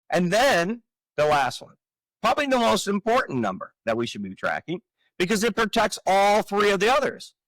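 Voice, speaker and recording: A man in his forties, a real estate coach talking on a podcast, explaining his framework with energetic rhetorical questions. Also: sits high, dry recording, low-quality recording. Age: 40s. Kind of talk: casual podcast talk.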